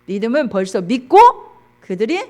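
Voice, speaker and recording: A woman's voice: on the high side, lively intonation, normal speed, mellow. A middle-aged woman pastor preaching a sermon, reading scripture aloud and calling out to the congregation.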